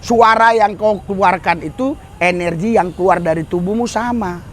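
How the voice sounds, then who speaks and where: A man's voice: high voice, normal speed. A man preaching a sermon to a congregation outdoors under a bridge, exhorting them and calling for their amens and hallelujahs. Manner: exhorting, calls for amen and hallelujah, addresses the crowd as "saudara".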